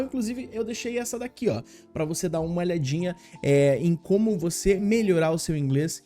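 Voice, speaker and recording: A Brazilian man gives a casual video lesson in a mellow, slightly high voice, chatty and full of fillers and little tag questions. Faint music plays softly behind him. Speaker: English teacher.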